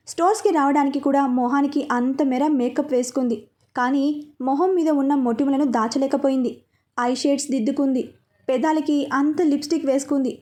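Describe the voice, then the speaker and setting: High-voiced woman narrating a story. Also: darkish tone.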